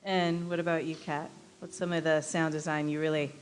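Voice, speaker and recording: A woman's voice: low voice, level tone, brisk, in a large hall, slight background noise. A woman moderating a live panel, asking inquisitive questions to prompt the guests. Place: live event hall.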